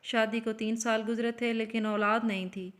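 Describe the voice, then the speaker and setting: A woman telling an emotional story as scripted narration, in a steady storytelling manner. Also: on the high side.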